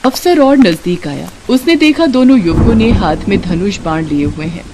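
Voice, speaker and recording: A woman narrating devotional stories in an expressive, dramatic way. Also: medium pitch, moderate pace, noisy background. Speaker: storyteller.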